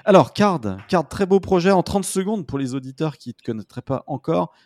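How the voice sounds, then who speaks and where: A man from France hosting a business podcast, joking and energetic as he interviews a founder. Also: on the high side, moderate pace, no echo, studio quality. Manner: jokey, energetic, self-mocking. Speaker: podcast host.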